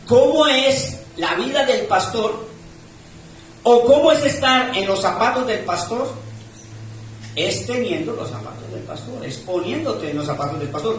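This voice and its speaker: Male pastor with a high voice, preaching with swelling emphasis, heard from a distance in an echoey church. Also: a little hiss or hum. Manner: preaching with rising and falling emphasis, reads scripture aloud. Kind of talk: sermon. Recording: echoey church room from far off.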